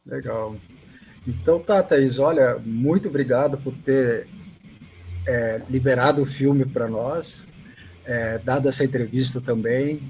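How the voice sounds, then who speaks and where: A man's voice: medium pitch, measured pace, a little mellow, rough recording. A Brazilian-accented man hosting an interview in a casual, conversational way. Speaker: interview host. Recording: faint background noise.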